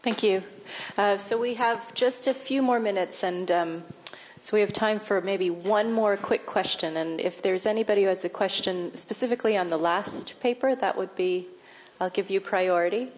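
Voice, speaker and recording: A woman chairing a conference Q&A, calling on questioners in a brisk, polite way. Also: mid-range voice, poor audio. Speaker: session chair. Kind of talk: moderating a Q&A.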